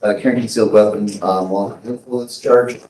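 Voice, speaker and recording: A man, a defense attorney, addressing a judge in a formal, halting way with fillers, heard in a courtroom recording. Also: lowish voice, steady tone, warm tone, a little hiss or hum. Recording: echoey courtroom recording from off-mic.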